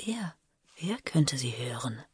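A woman's voice: very deep voice, very animated, slow, slightly rough, no room sound, clean studio sound, exaggerated voice. A woman voicing a frightened young girl who asks breathless, timid questions in a whisper, as whispered role-play.

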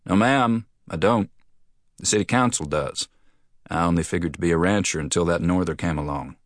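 Brief: a laid-back young Western marshal, as a male reader puts him on, drawling and deep. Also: moderate pace, no echo, studio quality, natural voice. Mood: easygoing. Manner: drawling, easygoing. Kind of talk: audiobook character voice.

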